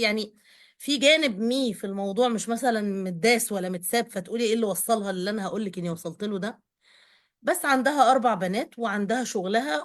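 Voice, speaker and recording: A middle-aged woman with an Egyptian Arabic accent, sharing a personal story in an animated, conversational way that speaks straight to the listener. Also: medium pitch.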